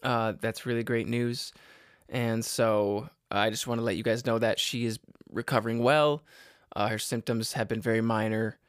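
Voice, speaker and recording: A man hosting his own podcast, tired and unwell, talking in a low-energy, rambling way with lots of fillers and restarts. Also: steady tone, moderate pace, smooth, dry recording, studio quality. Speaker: podcast host. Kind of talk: casual solo podcast update.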